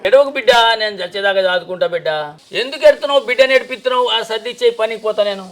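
An actor with a Telangana Telugu accent playing a worried rural father who consoles his daughter in a hurried way. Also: high voice, natural voice. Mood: consoling. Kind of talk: village short film acting.

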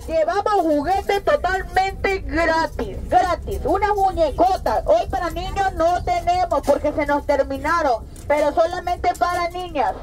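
A woman's voice: very high voice, slight background noise, low-quality recording. A young Salvadoran woman calling out a toy giveaway through a megaphone from an open truck bed outdoors. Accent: Salvadoran Spanish. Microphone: handheld megaphone mic.

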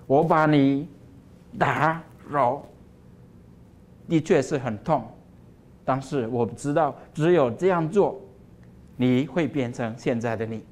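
A man voicing a patient male potter who speaks in a low, quiet, unhurried way during a homily story. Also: natural voice. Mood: calm.

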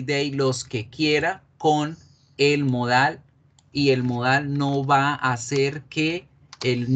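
Un hombre con acento colombiano que da una clase de inglés en línea y explica despacio, repitiendo los ejemplos. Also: male voice, medium pitch, fairly bright tone. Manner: slow, explanatory, repeats examples. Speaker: English teacher. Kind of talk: online class.

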